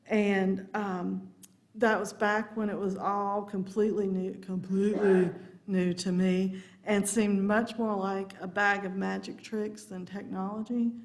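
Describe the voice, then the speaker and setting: A woman preaches a sermon in a folksy, good-humored way. Her voice has a gravelly, creaky edge. She takes her time and lets each phrase settle. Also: mid-range voice, little pitch movement, measured pace. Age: 50s. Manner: folksy and humorous, laughing along with the congregation. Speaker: religious education director giving a sermon.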